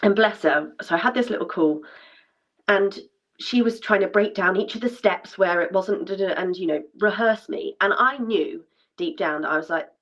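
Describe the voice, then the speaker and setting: A woman's voice: medium pitch, moderate pace. Woman telling a personal story. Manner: chatty, with many fillers and restarts. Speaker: former dancer sharing her story at an event. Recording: dull lo-fi sound.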